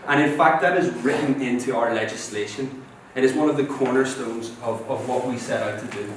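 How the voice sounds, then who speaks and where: A man's voice: medium pitch, brisk, background noise. Man lecturing in an echoey hall. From Northern Ireland. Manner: explanatory, checks in with listeners. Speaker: guest lecturer. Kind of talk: university lecture. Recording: very echoey hall, distant mic, faint ambience.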